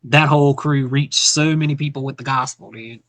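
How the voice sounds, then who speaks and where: Male podcast guest, bright forward tone, relaxed and knowledgeable, close dry mic. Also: mid-range voice, moderate pace, dry recording. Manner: easygoing, informative, with light humor. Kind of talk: casual podcast chat.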